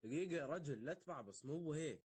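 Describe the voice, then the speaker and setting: Fast, animated Levantine man, slightly high-voiced. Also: slightly rough, no room sound. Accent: Levantine Arabic. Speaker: live streamer. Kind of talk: casual live-stream banter.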